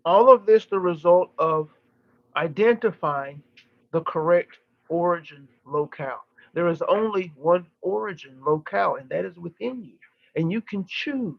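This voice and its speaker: Guy with a highish voice doing spirit medium channeling, preachy formal phrases w big pauses, kinda muffled lo-fi audio. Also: lively intonation, creaky, no room sound. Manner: oratorical, emphatic phrases broken by deliberate pauses. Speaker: channeler giving a live session. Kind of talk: channeled spiritual teaching, seance medium delivery.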